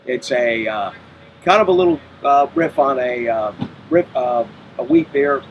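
A man's voice: mid-range voice, a little slow, lo-fi sound, a little hiss or hum. A middle-aged man, a brewery owner being interviewed, explaining in a matter-of-fact way on an outdoor patio. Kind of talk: casual interview. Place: outdoor patio by a brick wall.

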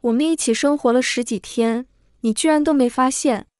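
A woman's voice: high voice, normal speed, darkish tone, no echo, clean studio sound, natural voice. A woman reading as a sneering jealous twin sister. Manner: sneering, cold.

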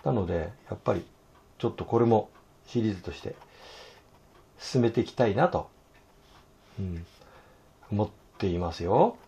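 A hoarse man teaching fountain pen illustration, talking to himself in halting asides as he draws. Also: on the low side, expressive, dark tone, highs cut off. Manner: talks to himself while drawing, halting, murmured asides. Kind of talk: casual drawing tutorial.

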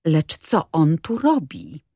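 A woman's voice: low-pitched, wildly swooping pitch, slow, dark tone, husky, no echo, clean studio sound, full character voice. A woman reading an audiobook, voicing a stern, strict aunt who speaks sharply.

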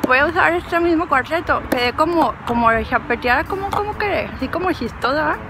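A woman's voice: high voice, animated, brisk, background noise. A woman with a Mexican accent vlogging casually while walking through an outdoor park, chatting playfully and rambling to herself and the camera.

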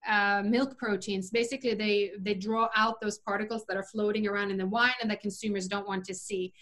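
A woman's voice: medium pitch, fairly even intonation, brisk, a bit bright. Earnest woman chatting on a call. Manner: earnest, opinionated, many fillers. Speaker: interview guest, vegan chef. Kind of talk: casual conversational interview.

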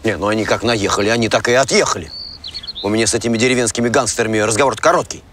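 A man's voice: lowish voice, very fast, a bit bright, a little hiss or hum, lightly acted. An actor playing a sardonic middle-aged businessman, dry and dismissive. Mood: boastful. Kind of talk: screen comedy-drama acting. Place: outdoors in woods.

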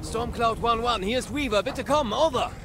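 A man's voice: very high-pitched, normal speed, noisy background. An actor playing a male soldier in a game cutscene, calling his unit over a military radio in clipped radio procedure. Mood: urgent.

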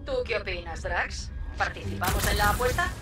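A woman's voice: medium pitch, moderate pace, natural voice. A woman playing a dry, composed assassin in a video game dub, sardonic and controlled, with a Castilian Spanish accent. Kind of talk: video game voice acting, dubbed. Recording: very loud game music behind.

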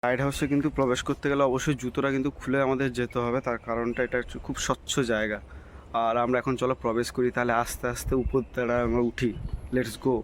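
A man's voice: mid-range voice, level tone, fast talker. A man with a Bengali accent narrating a casual travel vlog, chummily addressing viewers as friends. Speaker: travel vlogger. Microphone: handheld phone. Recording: noisy on-location phone recording.

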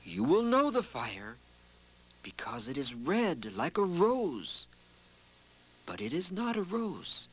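A man voicing a wise male coyote who counsels people, in a steady, earnest storybook delivery. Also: on the high side, slow, long pauses, husky, full character voice, rough recording. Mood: reassuring.

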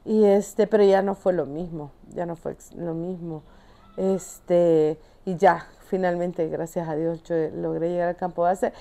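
A Salvadoran woman being interviewed about her climb, telling it in an animated, emotional way and often laughing as she talks. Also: on the low side, measured pace. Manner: animated, often breaks into laughter while recounting. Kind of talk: emotional first-person storytelling.

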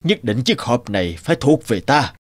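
A man voicing a greedy, cruel old landlord in a cartoon, blustering and shouting. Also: mid-range voice, sing-song, moderate pace. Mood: scheming. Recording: cartoon with music behind.

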